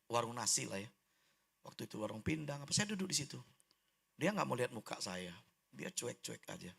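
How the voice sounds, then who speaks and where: A middle-aged man, telling a testimony during a church sermon, lively and humorous, with big swings in pitch. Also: gravelly. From Indonesia. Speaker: preacher giving testimony. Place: church hall.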